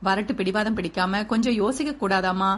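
A woman reading aloud, voicing a calm, caring older man who coaxes gently. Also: mid-range voice, brisk, natural voice. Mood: coaxing, serious. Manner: calm, coaxing. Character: kindly older brother figure, gentle persuader.

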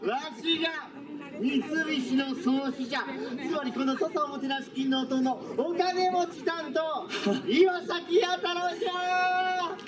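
A man's voice: very high voice, steady tone, slow pace. A man playing a boastful old-time tycoon introducing himself at a live event. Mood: proud. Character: boastful samurai-era tycoon, the troupe's rich man. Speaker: costumed tourism-troupe performer. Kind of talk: stage self-introduction. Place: open-air city plaza stage. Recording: distant mic, loud crowd and street noise.

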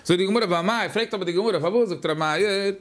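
Man, Yiddish accent, high voice, Talmud class lecture, halting speech, repeats words. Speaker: rabbi teaching Talmud.

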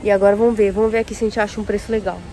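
Rapid-fire and flat, a young woman's dark, mid-range voice carries through a large indoor warehouse supermarket as she vlogs casually, chatting with viewers and comparing prices aloud. She runs a café and films on a phone held at arm's length, with noisy store ambience.

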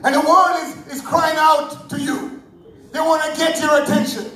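A man preaching a Sunday sermon, fervent and breaking into shouts. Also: very high voice, little pitch movement, moderate pace, recorded from a distance, a little hiss or hum. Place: church sanctuary. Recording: very echoey church hall, heard from afar.

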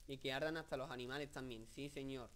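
A young man with a Spain Spanish accent giving casual, rambling video game commentary, joking and excitable, with many fillers. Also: mid-range voice, fast talker. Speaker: gameplay commentator.

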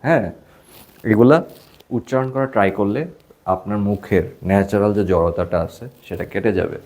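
A man's voice: lowish voice, moderate pace, darkish tone. A young man with a Bangladeshi Bengali accent, teaching an English class in a casual, joking way and mixing English phrases into his talk. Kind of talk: classroom lesson.

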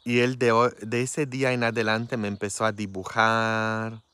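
A man's voice: fairly low pitch, little pitch movement, normal speed, bright, forceful tone, clean tone, no echo. A man, a priest whose first language is Polish, preaching in a frank, tender way and often adding "mm?" to check in with listeners. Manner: frank and tender, with constant "mm?" tag questions. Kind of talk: informal preaching talk.

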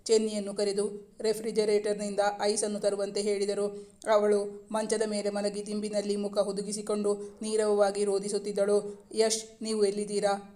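Woman storyteller, serialized story, monotone and level throughout. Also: mid-range voice. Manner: flat, even reading.

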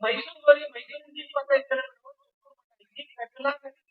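A man's voice: extremely high pitch, level tone, racing. A man giving a devotional discourse to a seated gathering, telling stories with repeated emphatic phrases. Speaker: religious speaker. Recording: distant, tinny phone-like sound.

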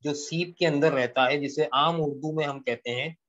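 A man giving a poetry lesson, explaining slowly and repeating key lines while switching between Hindi-Urdu and English. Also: fairly high pitch, fairly even intonation, a bit bright, muffled recording. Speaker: English literature teacher. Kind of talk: classroom-style poetry lecture.

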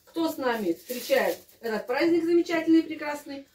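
A woman's voice: high-pitched, animated, fairly quick, slight background noise. An older woman hosting a home vlog in her kitchen, chatting casually and fondly with her guests. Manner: warm fussy hostess, affectionate diminutives. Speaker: vlog host, grandmother.

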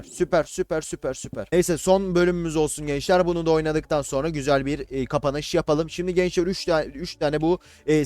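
Excitable swearing gamer man, game music behind. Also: on the high side. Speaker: gaming YouTuber. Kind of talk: casual Let's Play commentary.

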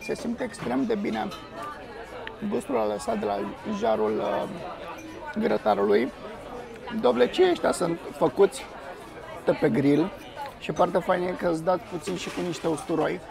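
A young man on an outdoor restaurant terrace reviews food for a camera on the table, his high-pitched, gravelly voice broken by frequent pauses. As a food vlogger, he's enthusiastic and exclaims as he tastes. Diners' chatter fills the background.

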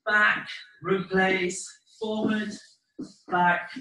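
Teaching a live online dance class indoors in his living room, a man gives step-by-step instructions in an encouraging way, pausing hesitantly between them. His high-pitched voice is pushed and bright with little pitch movement, and he draws out his words. The laptop or webcam mic across the room sounds roomy and distant.

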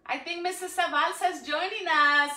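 This woman's voice is extremely high and sharp, with fairly even intonation and a moderate pace. She's a school educator reading to children on a livestream from her living room, encouraging them and posing questions. The phone or camera sits a few feet off, leaving an echoey, distant sound.

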